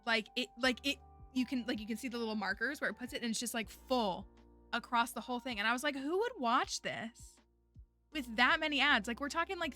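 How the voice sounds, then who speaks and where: Casual livestream chat from a young woman, a streamer and online teacher, whose high voice sounds bright and forceful. She rambles with plenty of fillers, keeps restarting and laughing, and speaks into a headset or desk mic while music plays faintly underneath.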